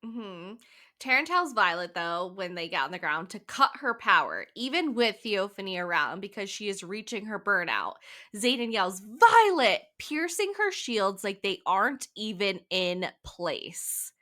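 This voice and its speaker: Casting: female book podcast co-host, bright tone, chatty, mimics characters mid-recap. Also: medium pitch, animated. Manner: chatty, acts out characters' lines in quick asides. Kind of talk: casual book club chat.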